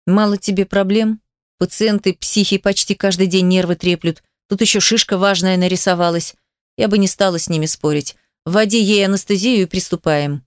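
A woman doing a curt, sharp-tongued nurse. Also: medium pitch, steady tone, normal speed, clean tone, dry recording, clean studio sound, lightly acted. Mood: dismissive. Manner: curt, dismissive.

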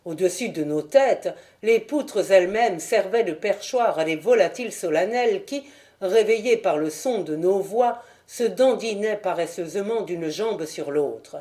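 A woman reading a novel aloud as an audiobook in measured, even scripted narration. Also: mid-range voice. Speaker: audiobook reader.

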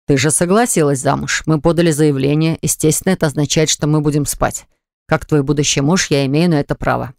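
A woman's voice: low-pitched, fairly quick, clear, resonant tone, no echo, clean studio sound, close to an everyday voice. Woman doing a pushy young fiancé, Artur. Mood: insistent. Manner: blunt and insistent. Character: forceful young man, pushy demanding fiancé.

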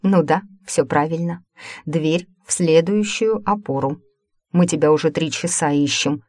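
A woman's voice: sits low, a little slow, darkish tone, no room sound, clean studio sound. A woman voicing an irritated, impatient brother who scolds and grumbles in an audiobook story. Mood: angry, impatient.

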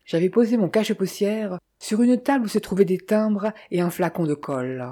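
Brief: female audiobook narrator, mellow and husky, steady measured reading. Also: mid-range voice.

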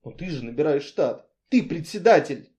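Angry 40s woman, shrill and proud, read by a male narrator. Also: lively intonation, moderate pace, mellow, natural voice. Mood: cold. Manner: shrieking insults, then cold and bitter. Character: furious 40-year-old woman, proud and shrill.

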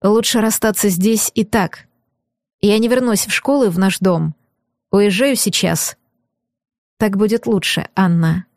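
A woman's voice: mid-range voice, unhurried, pauses often, a little mellow, no echo, clean studio sound, lightly acted. A woman reading an audiobook and voicing a stern, torn young aristocratic man with firm, clipped, bitter delivery. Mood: tender. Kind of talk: audiobook character voice.

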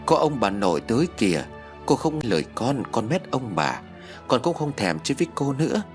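A man's voice: mid-range voice, big pitch swings, a little fast, faint music behind, natural voice. A man voicing a young village boy who scolds and coaxes his ghost aunt in an earnest way. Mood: urging. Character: young village boy, stern yet coaxing.

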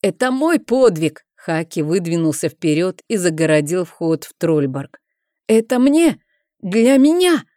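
A woman voicing a bold low-born young man who speaks loudly and defiantly. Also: steady tone, normal speed, no room sound, clean studio sound, lightly acted. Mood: shouting. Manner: loud, defiant.

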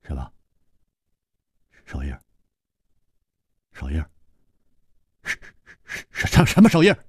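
A man's voice: extremely low pitch, huge pitch swings, slow, husky, no echo, pitched below the performer's own voice, exaggerated voice. A man voicing a cornered, scornful young male suspect who stammers and sneers, in a spoken storytelling recording. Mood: flustered.

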